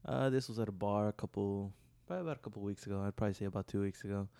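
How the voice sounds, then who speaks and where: A man's voice: on the low side, racing, mellow, clean tone, dry recording. A man chatting casually as a podcast co-host, rambling in slangy, profane talk peppered with "you know". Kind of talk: casual chat.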